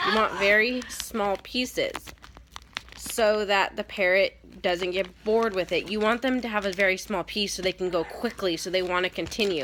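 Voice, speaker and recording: Through a little hiss or hum, a medium-pitched, somewhat bright voice comes from a parrot owner who has a cold and sounds congested. Her casual training demo rambles, packed with ums and corrections of herself.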